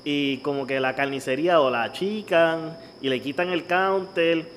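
A man with a Puerto Rican accent co-hosting a casual podcast chat, animated and swearing freely. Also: a little high, moderate pace, long reverb tail, a little hiss or hum. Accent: Puerto Rican Spanish. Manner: animated, swearing, acts out old ladies in his stories. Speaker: podcast co-host.

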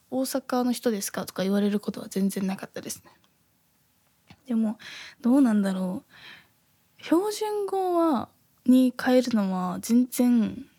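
Young woman, podcast host, gentle filler-heavy chat with easy laughs, warm low-key timbre, dry studio. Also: dry recording. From Osaka, Japan. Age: 20s. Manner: soft-spoken, filler-heavy, laughs often. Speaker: podcast host reading listener messages.

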